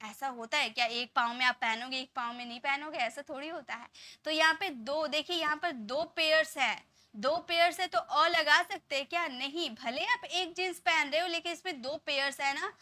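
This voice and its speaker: A woman English teacher, explaining grammar patiently, asking questions and repeating example sentences slowly. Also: high voice, pushed and bright, dry recording. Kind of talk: Hindi-language grammar lesson.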